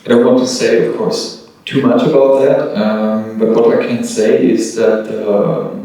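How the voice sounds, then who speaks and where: A man answers in English in a measured, steady way, pausing with fillers. His voice stays flat in pitch and sounds distant, in a hall that echoes heavily. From Germany. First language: German. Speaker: band member, guest. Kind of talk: casual panel interview.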